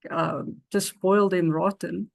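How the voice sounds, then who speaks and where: Slow, measured woman sharing experience. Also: on the low side, steady tone, vocal fry, no room sound. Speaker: guest. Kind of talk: casual conversational sharing.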